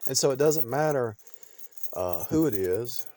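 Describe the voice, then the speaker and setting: A middle-aged man talking in an unscripted, rambling preaching monologue, repeating phrases and restarting sentences, often dropping in loudness. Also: medium pitch, animated, a little slow.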